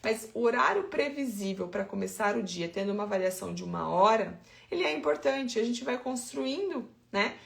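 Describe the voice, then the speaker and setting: A woman's voice: fairly high pitch, expressive, normal speed, gravelly, hardly any pauses, roomy sound. A Brazilian woman in her thirties, an infant sleep consultant giving chatty, emphatic advice straight to her listeners. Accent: Brazilian Portuguese. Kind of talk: informal advice talk.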